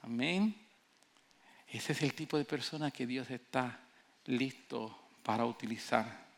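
A man's voice: mid-range voice, unhurried, creaky. A man preaching a sermon with passion, telling stories and acting out the people in them. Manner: impassioned preaching, rising to near shouts; acts out quoted voices in storytelling. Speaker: pastor.

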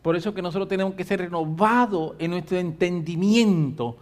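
Preaching as a pastor, this middle-aged man speaks in a high-pitched voice, fervent and emphatic. His delivery features slow, stressed words and shifts between loudness and softness.

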